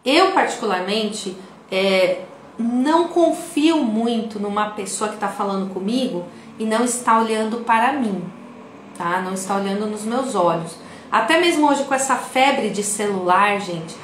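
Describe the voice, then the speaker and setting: A woman's voice: fairly high pitch, animated, moderate pace, a bit bright, slight background noise. A woman with a Brazilian Portuguese accent giving an online video lesson in a conversational way, often checking in with the viewer. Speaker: instructor. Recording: echoey room.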